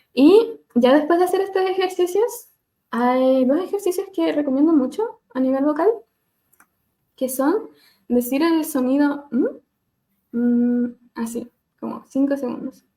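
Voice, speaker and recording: A woman speech therapist runs a live webinar on caring for the voice, gently demonstrating hums and glides over a video call. Her voice is high and her speed normal, and now and then she laughs at herself.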